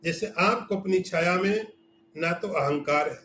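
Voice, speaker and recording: Man, spiritual teacher, scriptural lecture, rhetorical questions, fairly high voice, echoey room. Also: a little slow, fairly bright tone, slight background noise. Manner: explains with everyday examples and rhetorical questions.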